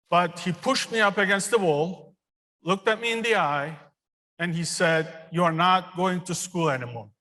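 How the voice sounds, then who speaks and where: A man's voice: high voice, sharp tone. Man from Turkey speaking in a reverberant hall. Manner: earnest, personal storytelling with pauses. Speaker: engineering professor giving a commencement speech. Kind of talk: commencement speech. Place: large theater. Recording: long reverb of a large hall.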